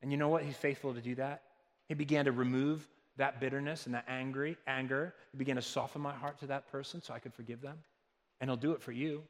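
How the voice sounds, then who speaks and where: A male pastor preaching a sermon, earnest, moving between loud emphatic lines and soft, hushed ones. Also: mid-range voice, fairly even intonation, fast talker, long reverb tail. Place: church.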